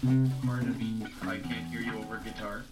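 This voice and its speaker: A man's voice: fairly low pitch, little pitch movement, normal speed, loud music behind the voice. A young man joining a casual podcast as a guest over a video call, making dry jokes. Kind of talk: casual chat. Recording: call audio with room echo.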